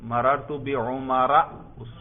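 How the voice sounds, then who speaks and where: A man's voice: medium pitch, level tone. A man teaching an Arabic grammar lesson who keeps asking his students questions and has them repeat the forms. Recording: tinny phone-like recording.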